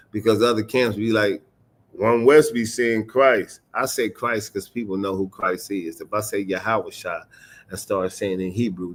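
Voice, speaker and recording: A man teaching scripture on a livestream, mixing casual slang with slow, stressed readings of old verses. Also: on the low side. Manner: emphatic, stresses single words while reading scripture aloud; casual street slang mixed with King James reading. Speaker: religious teacher.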